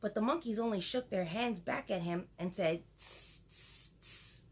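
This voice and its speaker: A woman's voice: medium pitch, normal speed, husky. A woman reading a picture book aloud to children and adding chatty asides to her listeners. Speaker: storyteller for children.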